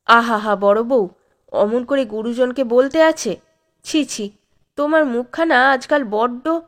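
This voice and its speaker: Give me a woman playing a kindly storybook father in his fifties, calm and coaxing. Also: very high voice, slow, heavily acted. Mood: placating. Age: 50s. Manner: mild, placating. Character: gentle fifty-year-old father, soothing and pleading.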